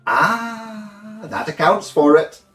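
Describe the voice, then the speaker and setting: A man voicing the Mad Hatter, an excitable, loud, high-pitched storybook eccentric who speaks in emphatic exclamations. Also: slow pace, reverberant, soft background music, heavily acted. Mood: scornful, excited.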